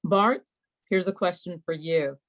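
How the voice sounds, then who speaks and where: A woman's voice: lowish voice, measured pace. A woman hosting an online webinar question and answer session in a courteous, somewhat formal way. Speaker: webinar host and moderator.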